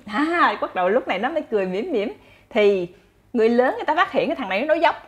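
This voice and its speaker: A woman with a Southern Vietnamese accent, chatty and animated, telling folk stories to her listeners as a channel host. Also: on the high side, racing. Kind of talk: casual folk storytelling.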